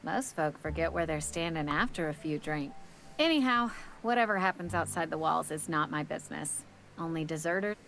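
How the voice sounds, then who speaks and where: A brusque female bartender in a sci-fi frontier video game. Her pitch sits on the low side and her delivery is curt, guarded and dismissive, with a sassy edge. Music plays behind her. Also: normal speed, vocal fry, a bit bright. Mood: sardonic, guarded. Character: brusque, wary woman bartender in a company frontier town. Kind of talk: video game character dialogue.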